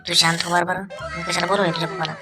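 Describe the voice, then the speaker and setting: A woman voicing a stern male schoolteacher in a cartoon who scolds a pupil quickly. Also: lowish voice, flat delivery, natural voice. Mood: scolding. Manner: scolding, rapid. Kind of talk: cartoon voice acting. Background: background music.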